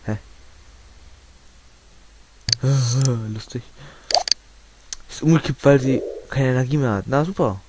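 A man's voice: medium pitch, slow, long pauses, heavy background noise. A man giving casual commentary while playing a game, chatty and scolding his characters. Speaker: gameplay commentator. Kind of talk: casual let's-play commentary.

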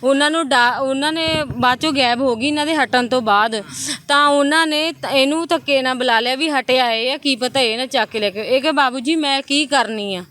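A woman with an Indian Punjabi accent speaks in a high voice. She gives her account as a bereaved wife in a street news interview. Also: a little fast, few pauses, fairly bright tone, smooth.

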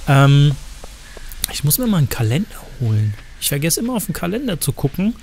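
A man's voice: a little high, very animated, a little fast, a little mellow, a little hiss or hum. A man giving casual, chatty gameplay commentary as a streamer, joking around and cursing in crude asides to his chat.

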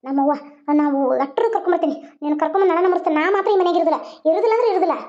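A woman's voice: very high-pitched, expressive, very fast, a little mellow, lo-fi sound. A woman voicing a tearful, defiant young village bride who complains and pleads. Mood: complaining.

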